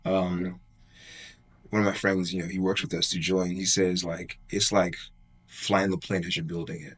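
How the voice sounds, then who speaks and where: A man in his thirties from Nigeria, a brand founder talking as a podcast guest, rapid and casual, packing his sentences with "like" and "you know what I mean". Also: deep voice, little pitch movement, a bit bright, husky. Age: 30s.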